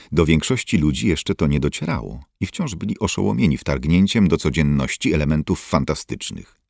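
A man narrating an audiobook in a very deep voice that still moves lively through its pitch. The reading is measured and expressive, recorded close and completely dry. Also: no room sound. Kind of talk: scripted narration.

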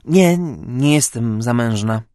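A man's voice: mid-range voice, expressive, takes it slowly, dark tone, no room sound, studio quality. A man voicing a frightened, pleading young woman who speaks urgently.

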